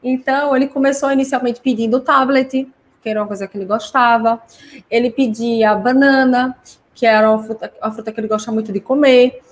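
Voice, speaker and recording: Her voice sits on the high side, brisk and fairly even in intonation. A Brazilian Portuguese-accented woman, she hosts a live parents' class as an educator, explaining conversationally through many examples with frequent tag questions.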